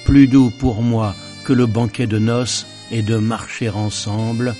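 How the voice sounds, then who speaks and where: A man reading a narrative poem aloud in a solemn, measured way. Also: lowish voice, darkish tone.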